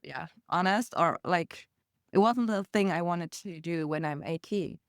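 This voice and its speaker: Young woman, smooth clear voice, dry close sound, casual storytelling. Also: fairly low pitch, a little slow, no echo. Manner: storytelling with laughs and acted quotes. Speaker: podcast guest. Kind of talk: casual conversational interview.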